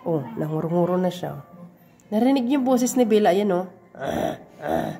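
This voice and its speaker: A woman's voice: medium pitch, lively intonation, a little fast, warm tone. A woman vlogging casually and cooing in baby talk to a small pet dog. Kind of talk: casual vlog chat.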